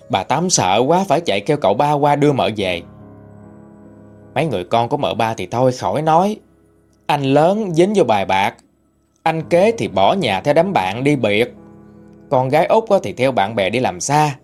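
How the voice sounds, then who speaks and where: A man with a Southern Vietnamese accent narrating a ghost story in a dramatic, animated way. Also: mid-range voice, normal speed, soft background music.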